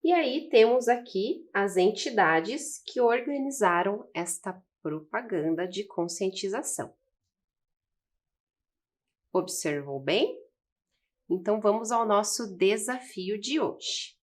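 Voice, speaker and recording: A woman teacher with a Brazilian Portuguese accent, giving a recorded school lesson and explaining slowly and patiently, checking in with the viewer often. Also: mid-range voice, lively intonation. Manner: slow, patient explaining with frequent "né?" and "ok?".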